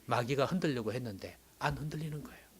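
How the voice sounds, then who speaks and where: A male pastor preaching a sermon, swinging dramatically from loud exclamations to hushed whispers. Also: mid-range voice, quick pace, slightly rough.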